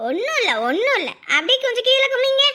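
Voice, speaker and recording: A woman's voice: very high voice, very animated, fast talker, bright, forceful tone, exaggerated voice. A woman acting in a village family drama as a busy woman who organises a family ceremony, coaxing and bossing people along.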